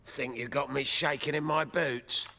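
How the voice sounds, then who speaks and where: An actor playing a surly, sardonic middle-aged quartermaster. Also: male voice, medium pitch, steady tone, measured pace, bright, forceful tone. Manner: gruff, sardonic.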